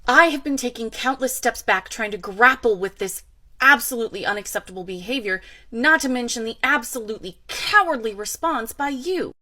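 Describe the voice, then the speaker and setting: A woman voicing a fed-up female teacher in an animated storytime, speaking in a crisp, cutting, articulate way. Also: fairly high pitch, moderate pace. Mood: indignant.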